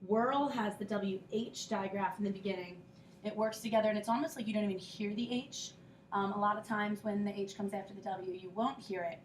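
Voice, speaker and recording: A woman's voice: mid-range voice, fairly even intonation, fairly quick, far from the mic, a little hiss or hum. A woman teaching a recorded phonics lesson, patiently explaining step by step and sounding out letter sounds. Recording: echoey room, voice a bit off-mic.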